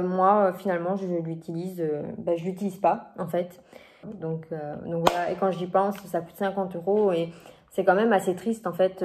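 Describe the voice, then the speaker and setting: A woman's voice: mid-range voice, a little mellow. Chatty, hesitant woman reviewing makeup. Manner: hesitant, many fillers and restarts. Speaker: beauty vlogger. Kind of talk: casual product review chat.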